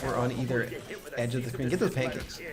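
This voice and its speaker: A gaming video host talks over game music in a mid-range, steady voice, moving a little fast. He gives casual, explanatory commentary on a co-op video game and feels his way through his sentences.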